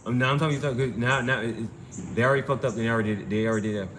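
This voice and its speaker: A man with a mid-range, fairly bright voice speaks at a racing pace yet keeps a steady tone. He's an amateur tarot reader and streamer giving an informal spiritual reading, pressing his advice insistently, repetitively and emphatically. Noisy background ambience is clearly audible.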